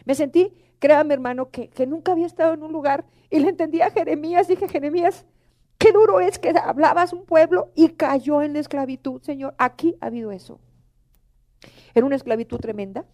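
A woman's voice: high voice, a little fast, mellow. A middle-aged woman preaching a sermon, emotional and pleading, often calling out to the congregation.

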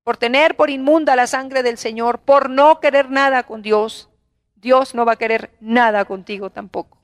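A woman's voice: on the high side, fairly even intonation, normal speed, no room sound, clean studio sound. A woman with a Mexican Spanish accent preaching a Bible lesson to a class, fervent and scolding, full of rhetorical questions.

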